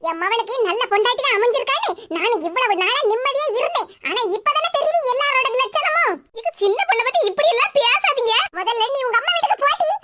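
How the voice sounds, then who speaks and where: Woman, very high bright voice, rapid scolding comic drama delivery. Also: lively intonation, very noisy. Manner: scolding, rapid village Tamil talk. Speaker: actor voicing several village women. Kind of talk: comic family drama dialogue.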